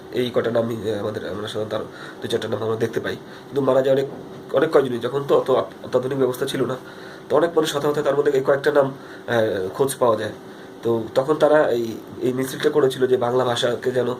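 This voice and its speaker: There's slight background noise behind this young Bangladeshi man's mid-range voice. A vlogger, he speaks Bengali with a Bangladeshi accent, earnestly filming a casual video diary on his phone's front camera and restarting often amid plenty of fillers.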